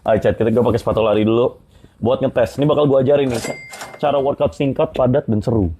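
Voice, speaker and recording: Brash streamer, young man, rapid patter, slight background hiss. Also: medium pitch, dark tone. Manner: joking, brash, often talks to chat. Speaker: live streamer. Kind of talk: casual IRL live stream chat.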